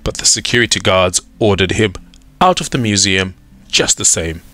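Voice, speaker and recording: A man reading a children's picture book aloud, expressive with dramatic pauses. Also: low-pitched, dry recording, soft background music. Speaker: storyteller. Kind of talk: children's storybook read-aloud.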